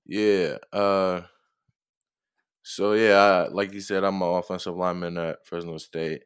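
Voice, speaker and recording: Young male athlete from Tonga, deep flat voice, smooth, dry sound. soft-spoken and hesitant. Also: a little slow, no echo. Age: young adult. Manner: soft-spoken, hesitant, many fillers and chuckles. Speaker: football player guest. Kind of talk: casual interview answers.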